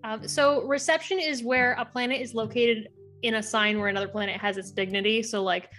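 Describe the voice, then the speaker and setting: A woman's voice: a little high, fairly even intonation, a little fast, fairly bright tone, faint music behind. A woman guest explaining astrology in casual podcast chat, acting out little voices and swearing casually.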